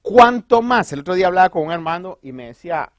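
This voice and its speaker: A man preaching a sermon as pastor, conversational and animated, asking the congregation rhetorical questions and dropping in English phrases. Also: high voice, fast, no room sound, clean studio sound.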